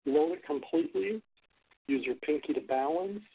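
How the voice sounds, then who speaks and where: A man's voice: fairly high pitch, normal speed, gravelly, a little hiss or hum. A man giving scripted step-by-step narration from an instructional video, played aloud from a phone held up to a speaker and re-recorded. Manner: short step-by-step commands. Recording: tinny phone-like playback through a speaker.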